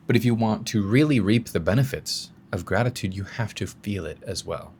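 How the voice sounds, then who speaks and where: A man's voice: lowish voice, normal speed, darkish tone, slight background noise. A man speaking as a coach in a casual self-help talk, guiding the listener through exercises and swearing now and then.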